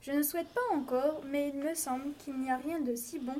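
A woman's voice: sits high, steady tone, brisk, a little mellow, slight background noise, lightly acted. A woman reading the part of a poor wife in a storybook tale, wishful and exclamatory. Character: poor wife, greedy and impulsive.

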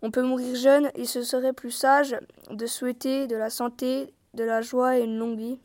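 A woman's voice: on the high side, flat delivery, normal speed, a little mellow, dry recording, natural voice. A woman reading the part of a poor husband in a storybook tale, exclaiming and pleading. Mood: reasoning. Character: poor husband, sensible and quick-tempered.

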